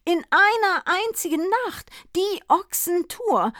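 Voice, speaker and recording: A woman's voice: very high-pitched, lively intonation, slow, bright, forceful tone, no echo, clean studio sound, voice pushed up, heavily acted. A woman voicing a flustered, effusive male shopkeeper who gushes and stammers. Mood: gushing. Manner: gushing, stammering.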